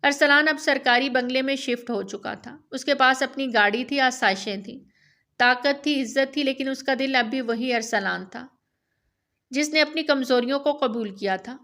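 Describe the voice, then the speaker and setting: Woman reading a love story out loud, pretty high voice, steady and even. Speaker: narrator. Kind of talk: reading a romance novel aloud.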